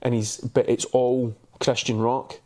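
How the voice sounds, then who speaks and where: A man's voice: medium pitch, level tone, a little slow, a little mellow. A Scottish man co-hosting a podcast, telling sweary, rambling stories in casual chat with lots of restarts. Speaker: podcast co-host.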